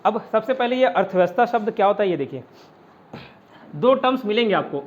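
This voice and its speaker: A man with a fairly high voice leads an online exam-prep class. He explains step by step and answers his own questions as he goes. The sound is dull and lo-fi. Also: lively intonation, a little fast. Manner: often adds "ठीक है" to check understanding. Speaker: teacher.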